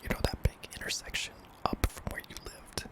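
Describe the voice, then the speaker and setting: A man narrating a scary story in a hushed, breathy ASMR whisper, deliberate and broken into short phrases. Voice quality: breathy, mostly unvoiced whisper with some creak.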